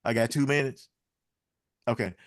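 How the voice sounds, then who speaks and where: A man in the middle of a music business panel, rambling loosely from one point to the next and calling the crowd y'all. His voice sits at an ordinary pitch, and the recording is dry and close with no room sound. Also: moderate pace, no echo. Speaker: music producer and panel speaker. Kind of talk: casual panel talk.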